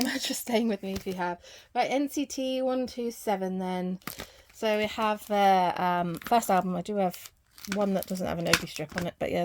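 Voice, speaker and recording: A woman's voice: medium pitch, slight background noise. A woman vlogger chatting casually to camera, rambling, with lots of ums and self-corrections. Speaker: vlogger showing her album collection.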